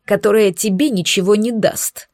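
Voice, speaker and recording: A woman's voice: mid-range voice, normal speed, darkish tone, dry recording, studio quality, close to an everyday voice. A woman voicing a smug, possessive male demon in a storybook reading. He speaks in a mocking, self-assured way. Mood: cold.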